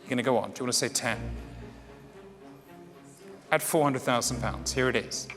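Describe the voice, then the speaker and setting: With soft music in the background, a man auctions fine art in a saleroom, courteously and formally calling and repeating bids to the room as live bidding patter. His mid-range voice is fairly bright and goes at a normal speed.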